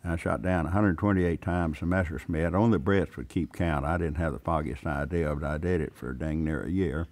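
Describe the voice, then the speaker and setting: An older man, a veteran pilot and aircraft owner, talking in a plainspoken, folksy way in a casual interview. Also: low voice.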